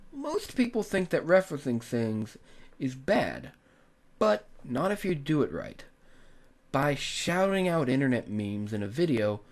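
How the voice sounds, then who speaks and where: A man hosts and narrates a scripted tutorial on making abridged series, addressing the viewer directly and with emphasis. His voice is on the high side, with a darkish tone.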